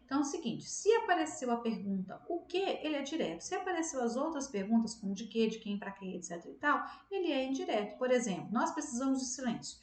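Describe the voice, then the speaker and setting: A woman's voice: high voice, big pitch swings, fast, few pauses, a little mellow, echoey room. A woman teacher with a Brazilian Portuguese accent giving a casual grammar lesson, acting out her students' questions and answering them in a chatty way.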